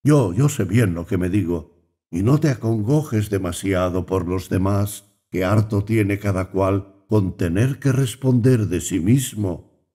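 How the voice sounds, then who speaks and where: A man voicing a grieving, gentle aged village priest in an audiobook reading, slow and faltering. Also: on the low side.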